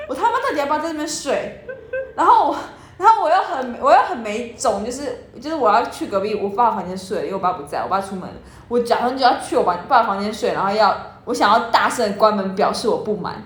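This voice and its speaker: Lively young woman, echoey room. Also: on the high side, quick pace. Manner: animated storytelling, often laughing. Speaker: podcast co-host. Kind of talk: casual chat.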